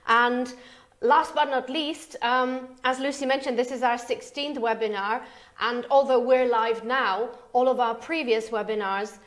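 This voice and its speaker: A woman's voice: fairly high pitch, a little slow. A woman from the Czech Republic, an event manager and consultant, presenting a webinar with enthusiasm. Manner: enthusiastic, expressive. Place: online webinar.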